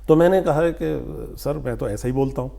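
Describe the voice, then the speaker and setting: An older man being interviewed as a guest poet, telling stories at an unhurried pace and acting out what others said to him. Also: a little high, vocal fry, dark tone. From India. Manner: unhurried anecdotes, acting out quoted speech. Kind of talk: storytelling interview.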